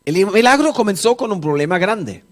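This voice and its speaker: Animated man preaching a sermon. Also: high-pitched, normal speed. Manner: animated storytelling, acting out Bible dialogue; conversational, jokes with the congregation. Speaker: pastor. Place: church service before a congregation.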